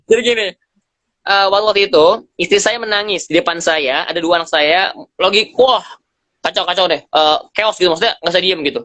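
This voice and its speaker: A man speaking as a guest on a live stream, telling lively stories in slangy casual talk and acting out bits of dialogue. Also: high-pitched, brisk, no room sound. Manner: animated storyteller, acts out dialogue, slangy. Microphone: phone on a live video stream.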